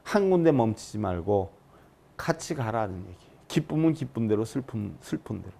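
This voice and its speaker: A man, a Buddhist monk, giving a dharma lecture and keeping his listeners engaged with rhetorical questions, swinging from loud high emphasis down to soft low asides. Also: big pitch swings, moderate pace, gravelly.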